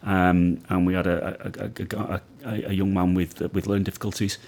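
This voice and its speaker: Man, husky voice, low pitch, host, casual chat, halting, stop-start delivery. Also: flat delivery, darkish tone. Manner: halting, many restarts and repeated words.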